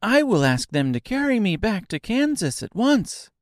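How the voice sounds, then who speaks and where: Guy putting on an eager little girl, high and bright, slow careful storybook read. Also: animated, no room sound, studio quality, heavily acted. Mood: earnest. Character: young girl Dorothy, earnest and eager.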